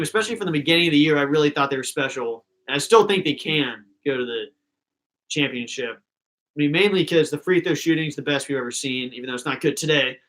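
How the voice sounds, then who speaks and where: Young man, casual fan stream host, rambling chatter, fairly high voice. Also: rough recording. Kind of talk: casual live reaction commentary.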